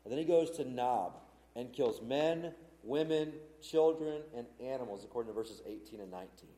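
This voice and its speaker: A man preaching a sermon in a mellow, darker voice. He retells the scripture story earnestly and conversationally. The room around him is echoey. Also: mid-range voice, lively intonation, normal speed. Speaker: pastor.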